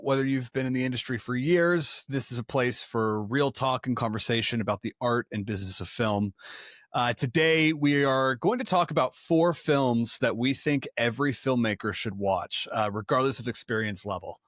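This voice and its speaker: A man's voice: mid-range voice, moderate pace, dry recording, studio quality. Laid-back male podcast host. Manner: relaxed, with fillers. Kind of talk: casual podcast chat.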